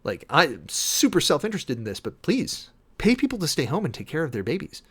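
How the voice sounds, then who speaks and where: A man hosting a political commentary stream speaks a little fast in a husky, slightly high voice whose pitch swoops wildly. He's emphatic and informal, airing his opinions and repeating phrases for stress.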